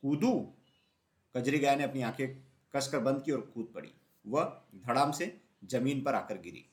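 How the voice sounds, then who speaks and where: Male narrator, middle pitch, steady children's story reading. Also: moderate pace.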